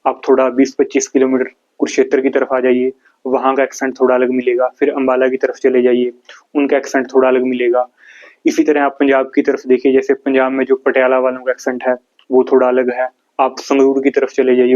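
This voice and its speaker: A man's voice: medium pitch, darkish tone, muffled recording. A man from India with a Haryanvi accent, teaching an exam-prep lecture, explaining step by step and asking and answering his own questions.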